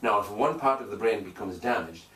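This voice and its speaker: A man's voice: on the low side, animated, brisk, a bit bright. A man working as a hypnotherapist, answering interview questions in an emphatic, declarative way and repeating phrases for weight. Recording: echoey room, distant mic, faint noise.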